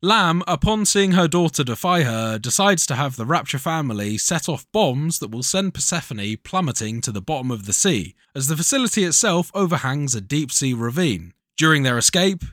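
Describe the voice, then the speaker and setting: A man's voice: a little high, animated, moderate pace, few pauses, fairly bright tone, no echo, clean studio sound. A man co-hosting a casual podcast about video games, laid-back and laughing often as he recaps a story. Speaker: podcast co-host.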